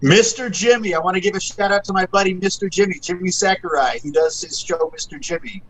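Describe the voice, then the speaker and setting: A man's voice: high-pitched, fairly quick, breathy edge, poor audio. A middle-aged man, a guest guitarist, telling stories in a casual chat and acting out the quoted lines, with many fillers. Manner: animated, acts out quotes, frequent fillers.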